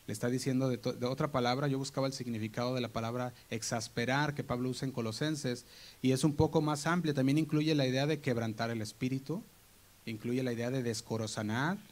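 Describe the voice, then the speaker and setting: A Mexican man preaching a sermon in an earnest, storytelling way, often acting out the people he quotes. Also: medium pitch. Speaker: pastor.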